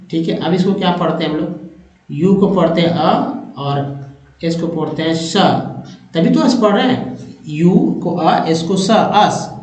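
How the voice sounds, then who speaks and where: A man's voice: on the high side, a little mellow, echoey room, low-quality recording. Hindi-speaking man teaching English pronunciation. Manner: explains step by step, spells words letter by letter and sounds them out slowly. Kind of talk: Hindi-language English reading lesson.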